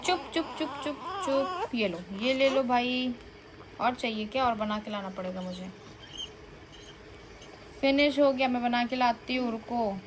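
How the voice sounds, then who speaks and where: In this noisy home recording, a young woman speaks in a slightly high voice, a little slowly and with long pauses. She's a mother doing a casual vlog, alternately coaxing and scolding her little kids and talking to her viewers.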